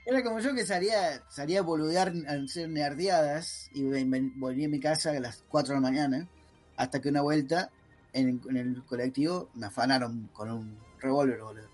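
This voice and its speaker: A man's voice: medium pitch, steady tone, normal speed, a little mellow, soft background music. A man with a Rioplatense accent, a podcast co-host in casual banter, slangy and joking, swearing freely. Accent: Rioplatense Spanish.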